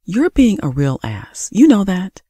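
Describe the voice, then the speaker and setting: A narrator voicing an angry young woman who speaks in sharp, sarcastic accusations in an audiobook. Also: low voice, very animated, unhurried, dry recording, full character voice. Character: furious young woman confronting her ex. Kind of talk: audiobook character voice.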